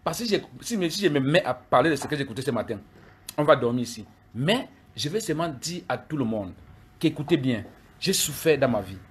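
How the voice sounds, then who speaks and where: A man's voice: mid-range voice, very animated, brisk, husky. A middle-aged man, ranting heatedly at his critics on a livestream and repeating himself. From Cameroon. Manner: heated, repetitive, addressing critics directly. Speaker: live video streamer. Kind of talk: angry livestream rant.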